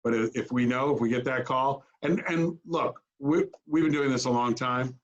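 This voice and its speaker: A man's voice: mid-range voice, fairly even intonation. A man speaking earnestly as a talent agent in a town hall on a video call, often restarting his sentences. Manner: earnest, halting, many restarts. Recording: dull lo-fi video call audio.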